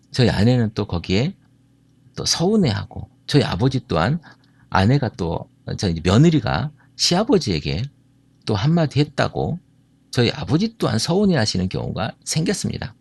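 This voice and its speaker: A man's voice: medium pitch, very animated, normal speed, vocal fry, breathy edge, dry recording. A middle-aged man from the Jeolla region speaks to an audience, telling stories and asking listeners questions. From Jeolla, South Korea. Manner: asks the audience questions, storytelling. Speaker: speaker on marriage and family. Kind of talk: talk to an audience.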